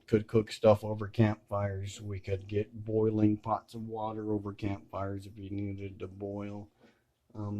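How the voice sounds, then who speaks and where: In a lowish, dark-toned voice, a male video creator addresses viewers casually without a script. He hesitates and rambles, repeats and corrects himself, and doesn't shy from blunt wording.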